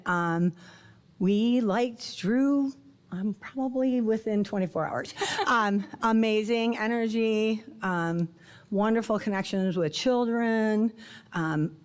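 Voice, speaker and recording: A woman principal introducing new teachers at a school board meeting, upbeat, with many fillers and small laughs. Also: a little high.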